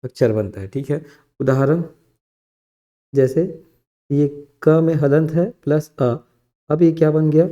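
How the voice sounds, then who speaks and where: A young man teaching an exam-prep grammar class, his voice a touch high but dark and mellow in tone. He breaks key definitions into single words and repeats them. He keeps checking in with the class as he goes. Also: unhurried, long pauses. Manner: repetitive, drills key phrases word by word.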